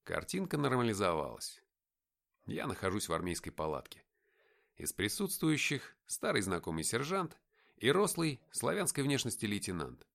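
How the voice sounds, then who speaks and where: A man narrating a first-person audiobook in a measured, dramatic storytelling manner. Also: on the low side, sing-song, creaky, fairly bright tone.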